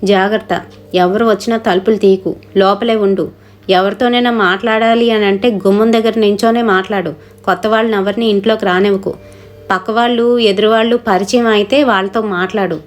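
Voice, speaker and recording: A woman's voice: mid-range voice, steady tone, a little fast, close to an everyday voice. A woman voicing a protective young husband who lectures and brushes off his wife's fears. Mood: dismissive. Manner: dismissive, lecturing.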